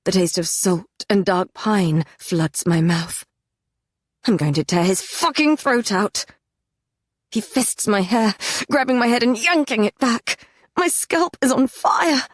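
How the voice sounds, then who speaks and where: A woman's voice: mid-range voice, no echo, clean studio sound. A woman narrating a first-person fantasy romance audiobook with an intense, dramatic delivery.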